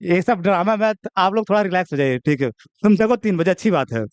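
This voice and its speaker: A man's voice: high voice, expressive, fast, smooth, no room sound. A young man teaching maths to a class, chatty and teasing, often checking in with "okay". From India. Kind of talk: classroom lecture.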